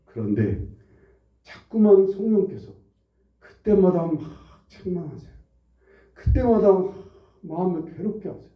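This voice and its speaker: A pastor in his forties preaching a conversational sermon in a church, swinging between hushed asides and loud, high outbursts. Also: sing-song, a little slow, pauses often. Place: church sanctuary. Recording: roomy, distant, dull church recording.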